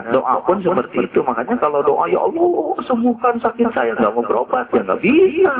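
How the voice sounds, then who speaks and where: Man from Indonesia, sermon, high-pitched voice, tinny phone-line recording with a crowd behind. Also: creaky. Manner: lively, swings from high exclamations to low drawn-out phrases; casual Jakarta-style slang mixed into teaching. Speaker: preacher.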